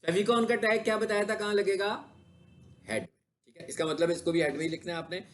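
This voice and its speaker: Brisk and high-voiced, a man teaches a digital marketing class while sharing his screen, with a little hiss or hum audible. He repeatedly puts questions to his students and supplies the answers himself.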